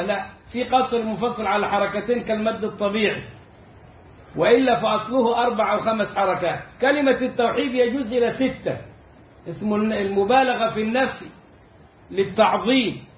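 Egyptian male teacher, explanatory, stretches out example words; high voice in a roomy space. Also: a little hiss or hum. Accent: Egyptian Arabic. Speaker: Islamic teacher. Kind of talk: lecture on Quran recitation rules. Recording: echoey, slightly dull room recording.

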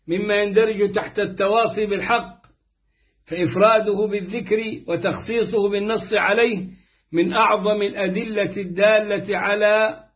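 A man reading aloud a classical Quran commentary in a steady, formal manner. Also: sits high. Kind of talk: measured reading of classical tafsir. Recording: dull lo-fi recording.

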